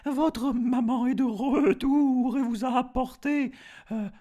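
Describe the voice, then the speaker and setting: A sly storybook wolf putting on a sugary falsetto to pass for a mother goat, played by a man. The voice sits very high and stretches every word out slowly. It sounds strained and unnatural. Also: warm tone. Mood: coaxing. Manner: slow, sugary, drawn-out falsetto coaxing. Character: big bad wolf faking a sweet mother voice.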